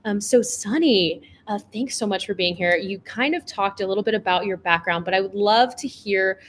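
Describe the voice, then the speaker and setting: A woman's voice: mid-range voice, moderate pace. Upbeat woman moderator on a video call, chatty with fillers, light hiss behind her. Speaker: panel moderator. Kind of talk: virtual panel discussion.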